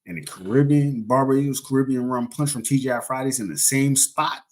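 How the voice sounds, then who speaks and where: A man's voice: medium pitch, a little fast. A young man casually chatting on a livestream, rambling and joking as he corrects himself mid-sentence. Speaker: livestream host.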